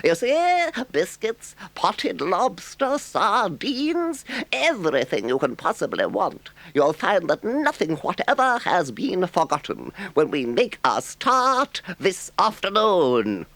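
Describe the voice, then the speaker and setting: A man voicing a boastful, excitable toad gentleman in an audiobook, gushing with grand theatrical emphasis. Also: high-pitched, slow, few pauses, pitched above the performer's own voice, exaggerated voice. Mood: boastful, rapturous. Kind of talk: audiobook character voice.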